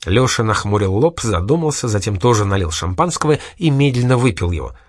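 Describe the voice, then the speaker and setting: A man narrating a novel as an audiobook in a steady storytelling manner. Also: on the low side, brisk, dry recording, studio quality.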